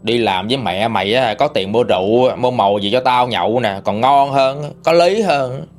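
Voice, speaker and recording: A man's voice: medium pitch, normal speed, soft background music, close to an everyday voice. A man voicing a cruel, drunken, abusive father who snarls curses and threats in a spoken story. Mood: scornful. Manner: snarling, cursing, menacing.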